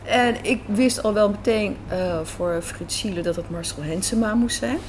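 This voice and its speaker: Seated in a café, this woman from the Netherlands, who writes and directs radio dramas, responds to an interviewer conversationally and with emphasis. She speaks in a mid-range voice at a moderate pace, with soft café ambience behind her.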